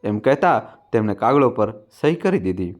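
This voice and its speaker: A man narrating a family story in a steady, even storytelling manner. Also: fairly low pitch, moderate pace. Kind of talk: scripted narration.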